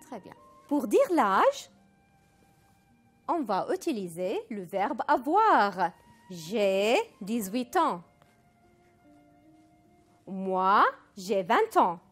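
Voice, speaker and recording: Slow, lively woman teaching French. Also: medium pitch, soft background music. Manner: slow, deliberate model phrases for repetition, mixing in Arabic. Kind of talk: recorded language lesson.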